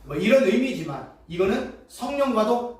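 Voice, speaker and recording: A woman's voice: a little high, big pitch swings, moderate pace, darkish tone. A woman seminary professor giving a preaching-style Bible lecture, quizzing her listeners with rhetorical questions and repeating key phrases for emphasis. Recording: very echoey room, mic far off.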